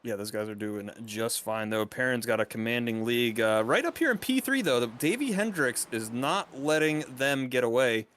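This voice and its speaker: A man calling a live online race play by play, lively and quick on the action. His voice sits at an ordinary male pitch with a faint hum of noise behind it. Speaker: play-by-play commentator. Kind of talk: live sim racing commentary.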